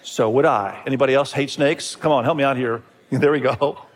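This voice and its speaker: A man's voice: mid-range voice, steady tone, a little fast. A middle-aged man who grew up in Indonesia, preaching a sermon to his church in an earnest way, often repeating phrases and calling out to the congregation. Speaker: pastor.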